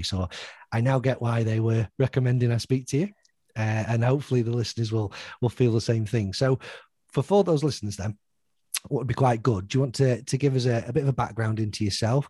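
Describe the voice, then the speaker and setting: Guy hosting a podcast, lowish husky voice, stumbles and repeats himself, friendly, dry close mic. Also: a little mellow, dry recording. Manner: hesitant, repeats words, friendly. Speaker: podcast host. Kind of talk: interview podcast.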